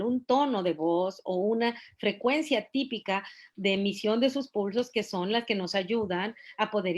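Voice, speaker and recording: A woman with a Mexican Spanish accent giving an academic lecture on bat acoustics, explaining step by step with frequent fillers and tag questions. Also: medium pitch. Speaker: bat researcher giving a talk.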